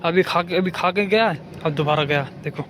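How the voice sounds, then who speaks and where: A young man with a slightly raised voice cracks deadpan jokes to his viewers as he washes clothes at his village home. He talks casually and directly to the camera, over a faint hum of outdoor ambience. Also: fairly high pitch, normal speed. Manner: deadpan joking, addresses viewers as friends. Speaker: vlogger. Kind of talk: comic village vlog monologue.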